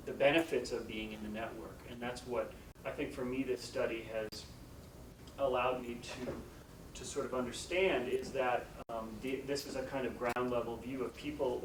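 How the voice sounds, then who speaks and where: A man speaking as a doctoral candidate in an informal academic discussion, tentatively circling through rephrasings. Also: mid-range voice. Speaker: doctoral candidate defending a dissertation. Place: echoey room, recorded from a distance. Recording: roomy, distant mic with loud background noise.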